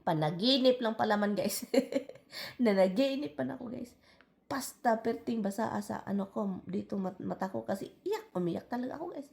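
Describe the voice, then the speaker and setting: A woman's voice: a little high, expressive, moderate pace, vocal fry, a little mellow. A Filipino woman vlogger chatting casually to her viewers, calling them guys and slipping into English. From Philippines. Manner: laughs while telling a story.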